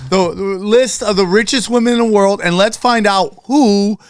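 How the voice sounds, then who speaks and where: A man's voice: sits high, moderate pace, a little hiss or hum. A man co-hosting a podcast, trading crude jokes in casual banter and laughing often. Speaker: podcast co-host.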